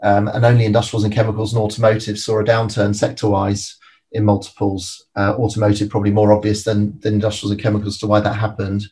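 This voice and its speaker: A man speaking as an expert guest, giving measured, analytical answers in an interview. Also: fairly low pitch, completely flat delivery, a little mellow. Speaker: private equity expert guest.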